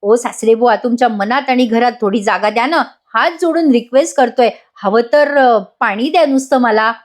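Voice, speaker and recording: Panicky young husband, pleading , read by a woman, high voice. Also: normal speed, natural voice. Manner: frantic, pleading, dramatic.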